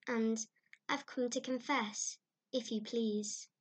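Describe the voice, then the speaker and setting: A woman's voice: fairly high pitch, steady tone, takes it slowly, husky. A woman reading aloud, voicing an imaginative, dramatic orphan girl who gushes breathlessly. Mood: earnest. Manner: breathless, gushing, heightened.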